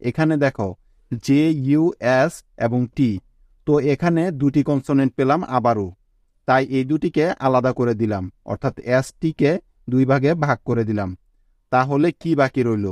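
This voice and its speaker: Slow, deliberate man teaching pronunciation. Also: mid-range voice, a little mellow, no room sound. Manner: slow, deliberate spelling out of letters and syllables. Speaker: English teacher. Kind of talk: scripted spoken lesson.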